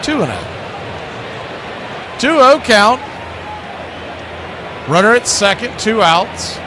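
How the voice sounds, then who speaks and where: Speaking slowly but very animatedly in a high-pitched voice, a man delivers live baseball play-by-play on radio. There's background noise, and he stays conversational, trading clipped calls for the occasional wry aside.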